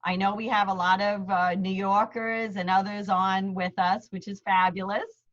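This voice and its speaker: A middle-aged attorney from Queens with a New York accent walks through legal terms step by step in a friendly, plain-spoken seminar held over a video call. Her mid-range voice stays fairly flat in pitch at a moderate pace. The lo-fi call audio sounds slightly dull.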